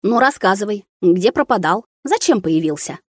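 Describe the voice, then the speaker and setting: A woman's voice: mid-range voice, animated, moderate pace, lightly acted. A woman reading the lines of a nosy young female roommate, suspicious and bossy.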